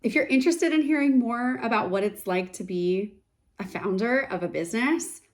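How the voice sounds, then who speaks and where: A woman in her thirties who founded a startup talks to the camera in a casual vlog, her voice fairly high-pitched and at a normal speed. She sounds sick and congested, yet she's open, reflective and chatty.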